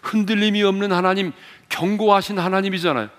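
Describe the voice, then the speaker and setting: Male pastor, high-pitched voice, preaching to his congregation in a church with a long hall reverb, asks questions and drops low for emphasis. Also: steady tone, fast talker, fairly bright tone. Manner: asks the congregation questions and leads them in reading aloud. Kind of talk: sermon. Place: church sanctuary.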